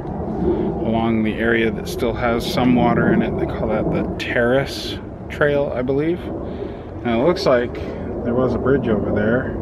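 A man's voice: medium pitch, muffled recording. A middle-aged man chatting casually to a handheld camera while walking his dogs outdoors on a desert trail. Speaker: vlogger. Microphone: handheld camera at arm's length. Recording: outdoor traffic noise. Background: outdoor ambience with distant traffic.

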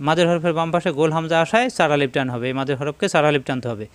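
A man with a high, very smooth and clear voice teaches Quran tajweed. He spells out letters and marks at a brisk clip, then recites verses slowly and melodically. The sound is dry and close. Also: dry recording.

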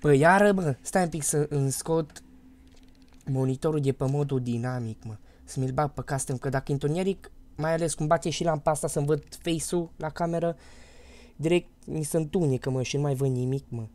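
Man, Romanian accent, gaming streamer, panicky outbursts, repeats words fast, warm dark tone. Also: on the high side. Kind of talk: live horror game commentary.

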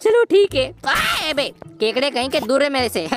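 A woman's voice: high-pitched, big pitch swings, moderate pace, faint music behind. A woman doing the brash cartoon boy Kanzo. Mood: excited. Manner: boastful, teasing and taunting, shouting often. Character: excitable boy cartoon hero, brash and boastful. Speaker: gameplay commentator. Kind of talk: playful gameplay commentary in character.

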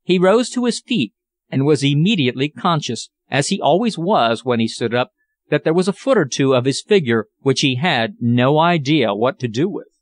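Expressive male audiobook narrator. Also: mid-range voice, normal speed, no room sound.

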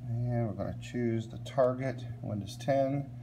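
A man hosting a step-by-step tech tutorial, plain and relaxed, often checking in with "okay?" as he works on a laptop at a workbench. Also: mid-range voice, a little slow, background noise. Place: indoors at a workbench filming a laptop screen.

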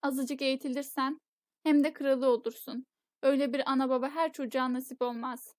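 Hagrid, a gruff giant read by a woman. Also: sits high, little pitch movement, a little fast, no room sound, clean studio sound, lightly acted. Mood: gentle. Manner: roaring, indignant outbursts. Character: huge gruff male giant gamekeeper, blunt and hot-tempered. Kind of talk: audiobook character reading.

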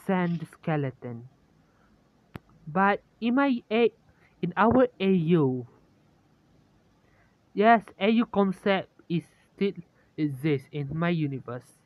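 A woman's voice: lowish voice, animated, takes it slowly, long pauses, no echo, narrow, tinny audio. A man voicing a smug, teasing girl spirit in a fan story, talking in a casual, chatty way.

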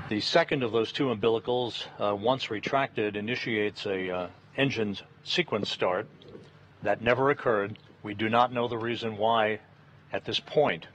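Low-voiced male mission control commentator. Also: a bit bright. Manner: halting, deliberate, matter-of-fact. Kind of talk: measured live launch commentary. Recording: dull broadcast audio, faint noise.

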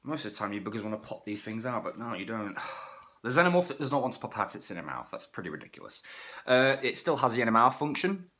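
A man's voice: fairly low pitch, big pitch swings, quick pace, sharp tone. A man with a cold, rambling through a casual toy review, stumbling and correcting himself as he goes. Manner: rambling, self-correcting, stumbles over words. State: has a cold, sniffling.

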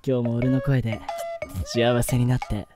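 A man improvising a wake-up message in a dazed, hesitant, breathy drawl. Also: mid-range voice, flat delivery, normal speed. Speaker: show member. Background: loud music.

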